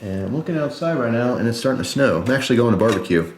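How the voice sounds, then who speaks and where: A man's voice: mid-range voice, animated, racing, darkish tone, reverberant, slight background noise. A man chatting casually and informally to viewers, explaining step by step as he demonstrates a product in a review video.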